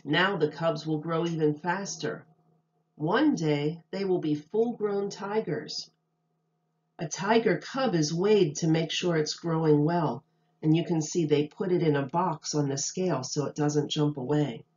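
Here a woman with a slightly low and slightly mellow voice reads from a children's book like a teacher, pronouncing each phrase with deliberate care for young listeners. The audio comes across as a little dull and lo-fi.

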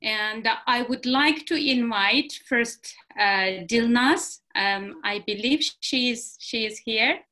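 A woman hosting an online event, introducing the next speaker in a slow, hesitant, welcoming way over a video call. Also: a little high, pushed and bright. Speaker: event host.

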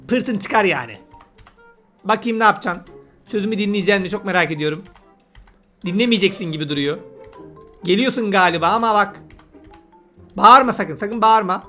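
A man's voice: sits high, a bit bright. A man giving casual let's-play commentary, chatty and teasing, talking to the game's characters as he plays. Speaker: gameplay commentator.

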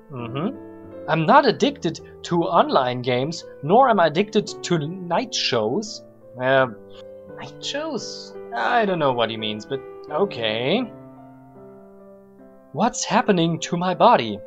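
A man's voice: a little high, dull audio. Sarcastic man with wide, swooping delivery. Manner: sarcastic, theatrical. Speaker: host reading aloud a novel and mocking it. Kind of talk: mock-dramatic reading with sarcastic asides.

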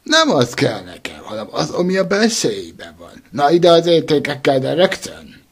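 A man's voice: fairly high pitch, huge pitch swings. A man voicing a greedy, grouchy Grinch who poses as Santa, talking in a bossy, scheming way in an amateur cartoon. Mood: demanding.

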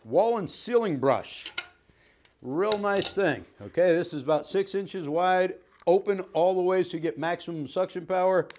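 Handling equipment in a staged living room, this middle-aged sales trainer keeps up a jokey, upbeat, folksy patter. His voice sits high and a little mellow, moving at a moderate pace over slight background noise.

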